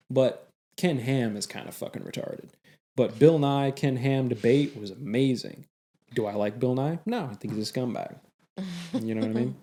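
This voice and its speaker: A man's voice: medium pitch, a little mellow. A man co-hosting a podcast in casual chat, blunt and emphatic, swearing freely. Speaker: podcast co-host.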